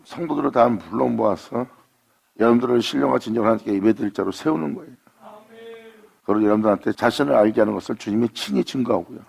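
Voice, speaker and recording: A man preaching a sermon in a gravelly, slightly husky voice. He builds to fervent declarations, then slows down to intone scripture in the voice of God. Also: medium pitch, darkish tone.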